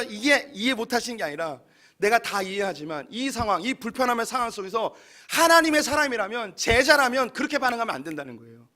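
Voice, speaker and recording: A man preaching a sermon with a high, bright voice. He talks in an everyday, conversational way but leans hard on his points. He addresses his congregation directly from the pulpit of a church. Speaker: pastor.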